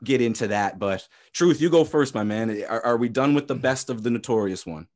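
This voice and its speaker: A male podcast host chatting casually about fighting sports. He is laid-back and loose, and he swears often as he rambles through his points. His voice sits at an ordinary middle pitch. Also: brisk. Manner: relaxed, rambling, swears freely.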